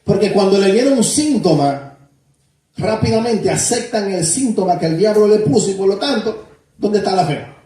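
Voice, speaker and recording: A male pastor preaching a sermon in a church, emphatic and repetitive, with sudden shouts. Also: high voice, expressive, normal speed, very echoey, far from the mic, slight background noise.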